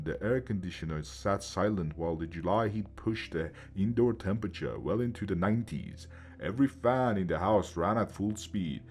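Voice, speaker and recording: A man reading a first-person horror story aloud in a steady, measured way. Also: low voice, a little hiss or hum.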